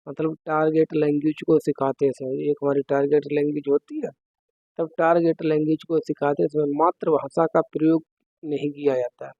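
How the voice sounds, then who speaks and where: A man's voice: on the high side, dark tone, no room sound, highs cut off. A man teaching an exam-prep lesson, working through quiz questions step by step and putting questions to the listener.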